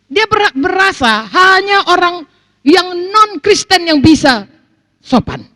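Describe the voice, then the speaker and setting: Animated woman preaching. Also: very high-pitched, takes it slowly, no echo. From North Sumatra. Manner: animated preaching, acts out quoted voices, keeps addressing the congregation. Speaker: pastor. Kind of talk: sermon.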